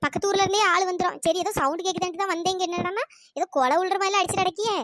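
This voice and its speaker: A squeaky, very high nosy neighbour, as a woman puts her on for a cartoon, chiding the quarrelling pair at a quick clip. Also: fairly bright tone, dry recording, studio quality.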